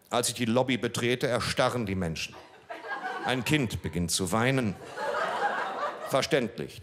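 Deadpan middle-aged man on a club stage. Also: on the low side, noisy background. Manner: deadpan storyteller, breaks off to banter with the audience. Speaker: comedian. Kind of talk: stand-up storytelling read from a page. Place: small club stage with a live audience. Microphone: handheld mic.

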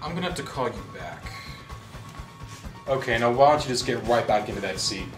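A man's voice: mid-range voice, brisk, echoey room, over music, natural voice. A man acting a sarcastic, menacing gangster who taunts his captive in an amateur short film. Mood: taunting. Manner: mocking, taunting, theatrical.

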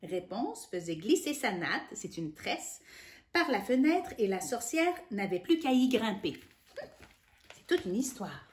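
A woman with a Québécois accent, hosting a children's story hour, reading a storybook aloud in an animated, sing-song way and talking directly to the child. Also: mid-range voice, unhurried. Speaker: children's storyteller and channel host.

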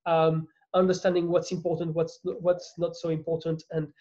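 A man with a French accent speaks earnestly in a casual interview, often repeating words as he searches for them. His voice sits high and mellow. The sound is dull and lo-fi. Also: flat delivery, normal speed. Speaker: guest.

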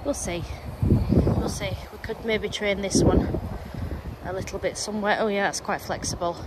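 A woman's voice: medium pitch, fairly even intonation, moderate pace. A woman vlogging from her allotment outdoors, chatting casually as she shows her work. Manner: chatty, explaining as she works. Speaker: gardening vlogger. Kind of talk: casual walk-through chat. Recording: noisy outdoor recording. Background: wind and a strimmer.

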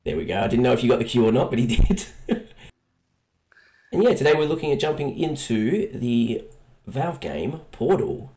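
A relaxed man hosting a casual gaming let's play. He talks in an easygoing, jokey way and laughs often between comments. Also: mid-range voice, moderate pace, long pauses.

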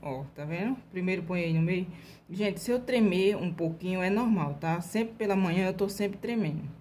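In a fairly low, darkish voice over slight background noise, a Brazilian woman leads a laid-back nail art tutorial. She speaks with a Brazilian Portuguese accent, stays chatty, and checks in with viewers constantly while deliberately painting brush strokes step by step.

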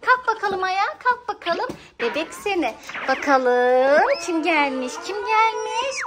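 A woman playing with her small children and talking to them in a lively, coaxing way for a family vlog. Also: very high voice, unhurried. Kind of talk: casual family vlog chat.

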